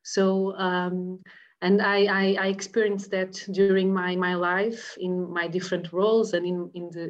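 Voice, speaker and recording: Woman, thirties, Portuguese accent, mid-pitched, casual interview guest, repeats words, home office. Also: dull audio. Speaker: interview guest, association president. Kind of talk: casual conversational interview answers.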